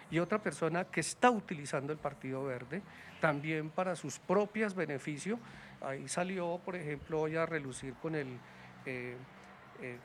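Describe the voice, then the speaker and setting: A man's voice: on the high side, slight background noise. A man in casual political talk, critical and hesitant, with many restarts and fillers. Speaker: political guest.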